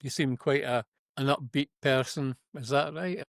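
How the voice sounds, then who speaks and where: A man's voice: mid-range voice, steady tone, a little slow, creaky, no room sound, studio quality. A man interviewing a musician for a music magazine, asking casual questions and offering brief, encouraging interjections.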